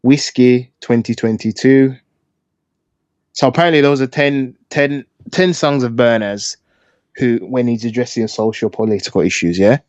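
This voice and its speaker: A man co-hosting a podcast shares his candid opinions in a casual, chatty conversation, talking them through as he goes. His mid-range voice is a little mellow and moves at a moderate pace. The recording is dry with no echo, sounding dull and slightly lo-fi.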